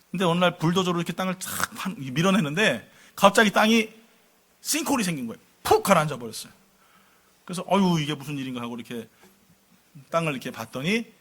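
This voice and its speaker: A man preaching a sermon as pastor, telling a story dramatically, swinging between loud exclamations and hushed low tones. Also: husky. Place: church sanctuary.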